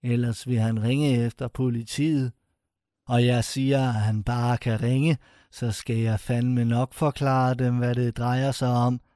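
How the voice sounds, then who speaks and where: Man, mellow voice, dry close mic, scripted first-person story reading, bitter and intense. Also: mid-range voice, level tone, no echo. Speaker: short-story reader.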